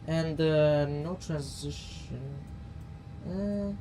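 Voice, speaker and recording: A man's voice: on the high side, very slow, over music. A man streaming a flight simulator, casually thinking aloud and muttering to himself as he works through procedures.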